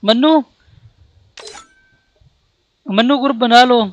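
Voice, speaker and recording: A man streaming a game with friends, chatting casually and calling out to his teammates with excitement. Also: extremely high pitch, takes it slowly, lo-fi sound, a little hiss or hum. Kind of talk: casual gameplay chat.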